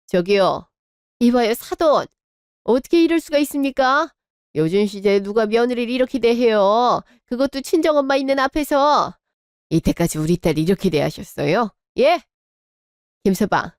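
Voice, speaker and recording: A woman's voice: fairly high pitch, lively intonation, normal speed, a little mellow, smooth, no room sound, studio quality. A woman voicing a middle-aged mother in a radio drama, indignant and protective of her daughter. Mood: outraged. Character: bride's mother, protective and outraged.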